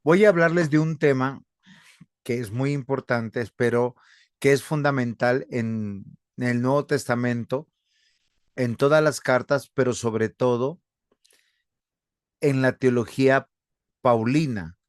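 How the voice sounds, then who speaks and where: A man, a pastor teaching a seminary theology class, speaking in a measured, earnest way and addressing his students as brothers. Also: mid-range voice, clean tone, no echo, clean studio sound. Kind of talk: online theology lecture with class discussion.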